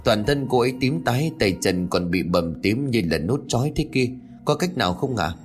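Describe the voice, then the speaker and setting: A man's voice: mid-range voice, expressive, normal speed, slightly rough, soft background music. A man voicing a hot-tempered worried husband. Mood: pleading. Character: anxious, hot-tempered middle-aged husband.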